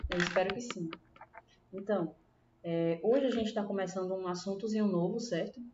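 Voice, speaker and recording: A woman's voice: mid-range voice, steady tone, normal speed, mellow. A woman with a Brazilian Portuguese accent teaching a primary school class online, patiently checking in with her pupils as she explains. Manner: patient, checks in with frequent tag questions. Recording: roomy, distant, dull lo-fi with faint hiss.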